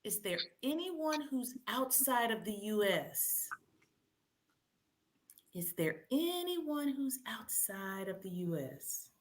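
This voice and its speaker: Hosting a children's read-aloud quiz live, this woman takes her time in a slightly high voice. She's lively and supportive, calling out to the kids and saying the questions again.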